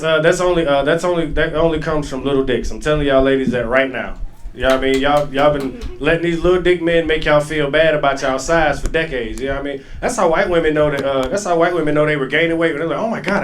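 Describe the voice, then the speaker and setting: A male stand-up comedian with works a club stage. His voice sits a little high, and he talks loosely and profanely, laughing through his own stories. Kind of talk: stand-up set.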